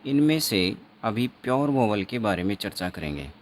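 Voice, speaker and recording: A man teaching an exam-prep phonetics lesson, explaining slowly and repeating himself, writing on a board as he talks, with Indian English words. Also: on the low side, big pitch swings, a little hiss or hum. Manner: slow, repetitive teaching with frequent checks; writes on a board while talking.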